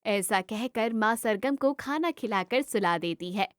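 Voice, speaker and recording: A woman tells a cartoon moral story in a steady, scripted narration. Her voice sits a little high, recorded dry and close. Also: unhurried, dry recording.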